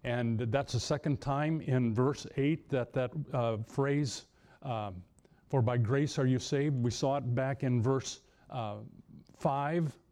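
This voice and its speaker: Mellow-voiced man preaching a halting sermon. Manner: halting, many restarts, rises high for emphasis. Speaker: pastor.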